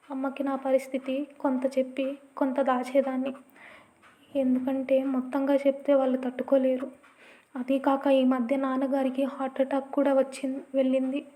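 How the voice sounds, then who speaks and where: A woman reads a first-person story aloud in a soft, steady, plaintive way. Her voice sits high but stays level, with little rise and fall. The tone is mellow rather than bright. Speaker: audio story narrator.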